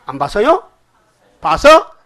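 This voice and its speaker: Male preacher, slightly high voice, emphatic sermon delivery that keeps prodding the listeners. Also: wildly swooping pitch, takes it slowly, a bit bright. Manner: emphatic, prodding the congregation with repeated "eh?".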